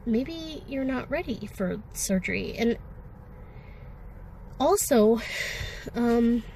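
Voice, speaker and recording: A vlogger with a sore throat and congested voice talks candidly and ramblingly in a casual personal vlog, using plenty of fillers. Her voice is medium-pitched and a little mellow, on a rough recording with a bit of hiss or hum.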